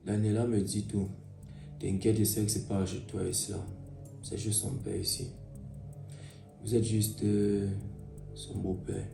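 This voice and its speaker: A man's voice: fairly low pitch, measured pace, gravelly, pauses often. A man playing a cheeky defiant young boyfriend. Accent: Cameroonian French. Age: young adult. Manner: insolent, calm then shouting back. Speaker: boyfriend in a comedy web series. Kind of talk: comedy web series acting. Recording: roomy echo, far from mic, light music.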